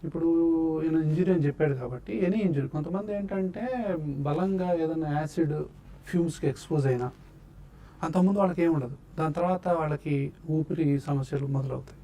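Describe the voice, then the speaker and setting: A man's voice: a little high, fairly quick, dark tone, a little hiss or hum. A man speaking as a doctor on a TV health show, patiently explaining causes and treatments one after another. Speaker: doctor answering health questions.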